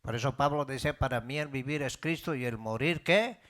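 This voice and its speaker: A man's voice: mid-range voice, brisk, fairly bright tone. A middle-aged man preaching a sermon as pastor, building in fervor and calling out questions to his congregation.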